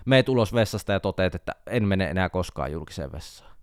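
With a low, clean voice and no echo at all, the studio-quality recording features a man hosting his podcast. He rambles through a casual comic tale at his own expense, wryly self-mocking and now and then bursting out animatedly.

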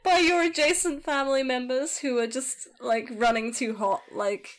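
A woman with a somewhat high voice co-hosts a relaxed film chat. She talks in quick, animated bursts full of "like" and "you know," breaking into laughter often.

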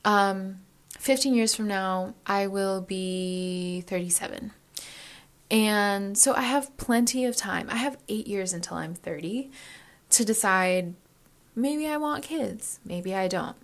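A woman's voice: mid-range voice, takes it slowly. A young woman in her early twenties speaks in a casual confessional vlog. She rambles and restarts her sentences, and leans on fillers as she thinks aloud. Her tone stays candid and reflective. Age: early 20s. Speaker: vlogger.

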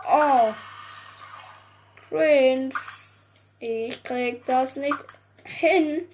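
A young woman giving casual gameplay commentary, excitable, often swearing, groaning and exclaiming. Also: sits high, drawn-out words, background noise. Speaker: gaming video creator.

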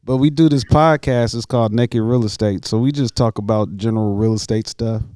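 Man podcast host, mellow tone, easygoing and rambling, dry close sound. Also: mid-range voice, steady tone, a little fast, dry recording. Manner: easygoing, laughs often, rambling. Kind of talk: casual podcast chat.

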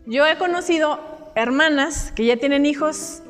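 Young woman teaching bible to a group, high voice, echoey church hall w faint music behind. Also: moderate pace. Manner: animated, asks the group questions.

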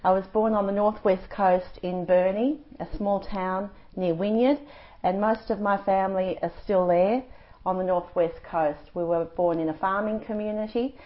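A woman's voice: medium pitch, fairly even intonation, normal speed. An Australian woman from Tasmania answering interview questions on community radio, friendly and articulate. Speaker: guest, Rotary district governor-elect. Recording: dull lo-fi radio recording.

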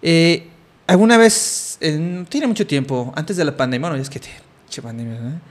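A man's voice: a little high, moderate pace. A young man with a Mexican Spanish accent, telling a story in casual chat, rambling with many fillers and restarts.

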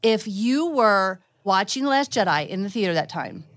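A woman's voice: medium pitch, expressive, normal speed, a bit bright, no echo, clean studio sound. A woman co-hosting a podcast, arguing her point in an insistent, casual debate. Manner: insistent, argumentative. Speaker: podcast co-host.

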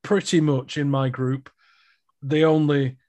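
A Northern English man speaks in a fairly high voice. He is an actor chatting casually about his trade, and he tells his stories in an animated way, full of asides. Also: measured pace. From Northern England. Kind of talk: casual chat.

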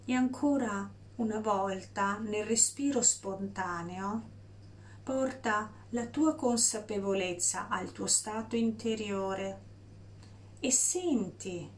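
Slow, soothing woman leading a meditation. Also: medium pitch, a little hiss or hum. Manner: slow, soft and soothing, with long pauses. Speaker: meditation guide. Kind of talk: guided breathing meditation.

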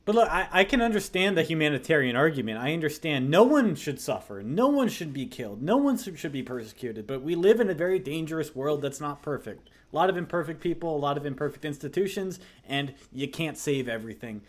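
Podcast guy debating calmly, voice a bit on the high side, grants points then pushes back. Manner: measured, conceding points before pushing back. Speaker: podcast co-host. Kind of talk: casual political debate.

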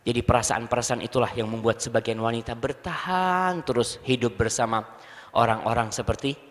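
A man preaching a sermon to a congregation, swinging from low murmurs to high, emphatic bursts. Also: a little fast. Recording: long hall reverb.

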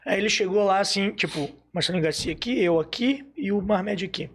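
A man from Brazil telling stories in casual chat, animated and acting out the dialogue he recounts. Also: high voice, fairly quick, breathy edge. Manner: animated storyteller, acts out quoted dialogue. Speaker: podcast guest telling stories.

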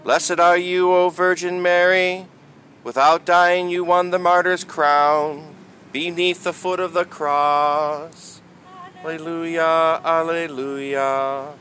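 A fairly high, bright and forceful male voice belongs to a priest chanting the gospel acclamation. He draws each sung phrase out slowly. The chant rings out through a reverberant church. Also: level tone, slight background noise.

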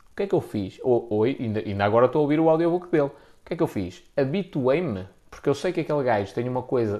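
Speaking informally to his audience, a business-advice content creator with a European Portuguese accent hammers home his opinions in a blunt, slangy, emphatic way and repeats points for emphasis. His voice is mid-range with a darkish tone.

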